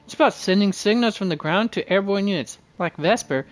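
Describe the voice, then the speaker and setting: With a fairly quick, high-sitting voice in a dry recording, a man streams a game, reading dialogue out loud and tossing in casual remarks. He often stumbles and corrects himself, and game music runs in the background.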